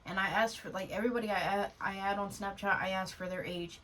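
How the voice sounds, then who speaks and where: A woman in her twenties co-hosts a podcast, chatting casually in a blunt, slangy way and throwing in "dude" and "bro." Her medium-pitched voice is steady, a bit bright, and fast, picked up by a distant mic with faint noise.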